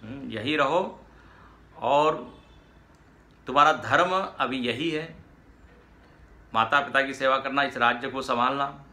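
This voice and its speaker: A man's voice: medium pitch, takes it slowly, pauses often, bright, forceful tone. A man giving a spiritual discourse, telling a scripture story and acting out its dialogue, with asides to his listeners and English words mixed in. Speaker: spiritual teacher.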